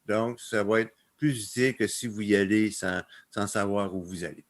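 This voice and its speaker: Presenting slides in a webinar, a man with a Québécois accent tells lively stories and laughs frequently. He speaks at a moderate pace in a lowish voice.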